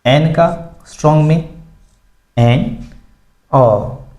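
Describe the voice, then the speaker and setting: A man's voice: fairly high pitch, measured pace, darkish tone. A man teaching a grammar lesson in a somewhat raised voice. He explains step by step, repeats the key words and stops to ask learners questions. The sound is roomy and echoey. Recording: echoey room.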